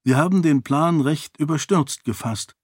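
Audiobook princess: proud, quick-tongued young woman, read by a man in a raised voice, dry sound. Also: a little high, breathy edge, no echo, pitched above the performer's own voice. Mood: earnest.

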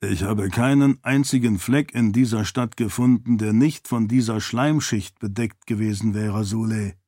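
Calm wry male companion, voiced by a man, slow matter-of-fact delivery, audiobook, dry close sound. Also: fairly low pitch, no echo, close to an everyday voice.

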